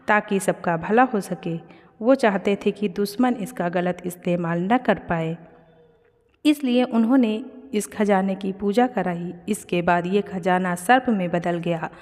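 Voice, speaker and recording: A woman's voice: medium pitch, a little mellow, natural voice. A woman voicing a wise, protective old woman who speaks solemnly and gives blessings. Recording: long reverb.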